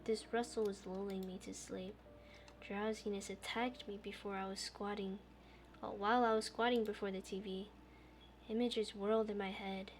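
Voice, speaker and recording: A woman streamer reading a story game's text aloud in a soft, steady narrating voice, with small restarts now and then. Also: medium pitch, normal speed, slight background noise.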